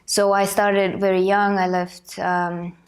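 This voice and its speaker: She speaks slowly in a clean, level, mid-range voice, an earnest woman in her thirties from Bulgaria. Though she has a cold, she hosts a reflective personal motivational talk, musing aloud as she goes.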